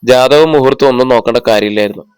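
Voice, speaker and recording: A man reads a scornful, outspoken young man in a storybook. He talks bluntly and waves objections away. Smooth, dry voice close to the mic. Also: medium pitch, rapid-fire, a little mellow, no echo, natural voice, rough recording. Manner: blunt, dismissive.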